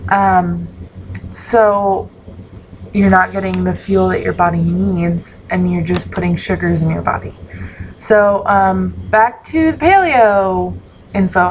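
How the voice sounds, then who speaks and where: A woman's voice: mid-range voice, a little hiss or hum, low-quality recording. A young woman vlogging in a casual, rambling way, full of ums and likes, sounding sleepy. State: sleepy, yawning. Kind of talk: casual chat to camera.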